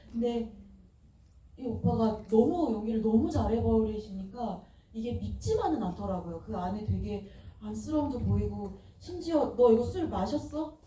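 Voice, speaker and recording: An actress talking on stage after a film screening, soft-spoken and reflective, often trailing off. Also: female voice, fairly high pitch, recorded from a distance, a little hiss or hum. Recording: echoey hall, mic heard from afar.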